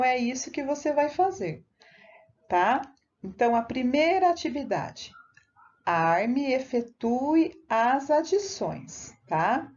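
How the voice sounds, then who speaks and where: A woman's voice: fairly high pitch, darkish tone, muffled recording, a little hiss or hum. A Brazilian woman teacher with a Brazilian Portuguese accent, patiently walking a young pupil through worksheets in a recorded remote lesson. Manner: slow, patient, addresses a child directly with tag questions. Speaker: primary school teacher.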